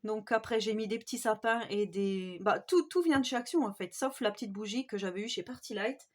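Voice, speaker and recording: A woman's voice: mid-range voice, brisk. A woman from Haute-Marne with a marked regional French accent, chatting hesitantly through a craft tutorial and often adding "hein". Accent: Haute-Marne French with Swiss border touches. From Haute-Marne, France. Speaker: craft YouTuber. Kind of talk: casual DIY tutorial talk.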